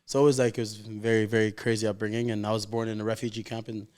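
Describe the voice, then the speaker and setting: This interview guest is a professional footballer in his 20s who grew up in Calgary, Canada. His fairly low voice is smooth and a little mellow, flat and quick, as he chats earnestly and informally with heavy use of "like."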